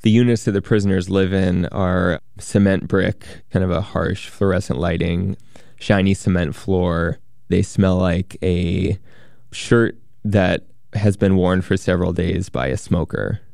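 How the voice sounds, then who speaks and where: A man telling a first-person documentary story as a journalist, measured and plain-spoken, with deliberate pauses. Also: low-pitched, level tone, creaky, a little mellow, smooth, no echo, studio quality. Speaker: journalist who worked as a prison guard.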